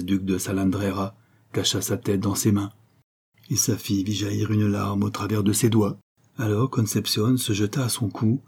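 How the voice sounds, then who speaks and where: A man narrating a classic novel as an audiobook, in a measured, dramatic manner. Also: lowish voice, warm tone, breathy edge. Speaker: audiobook reader.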